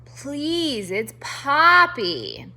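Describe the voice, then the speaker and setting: A woman voicing a small, frightened female mouse who speaks softly and pleads, in a storybook reading. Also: sits high, huge pitch swings, extremely slow, full character voice. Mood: pleading. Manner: timid, soft, pleading. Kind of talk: storybook read-aloud.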